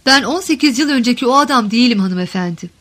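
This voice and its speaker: A woman's voice: a little high, lively intonation, quick pace, a bit bright. A woman voicing an ageing male columnist who answers carefully and politely, with weary restraint, in an audiobook reading. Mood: cautious.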